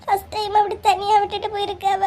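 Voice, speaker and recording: A performer voicing a tearful, soft-spoken young daughter-in-law in a cartoon, with a Kanyakumari Tamil accent. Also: extremely high pitch, completely flat delivery, quick pace, slight background noise. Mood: sad. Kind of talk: cartoon voice acting.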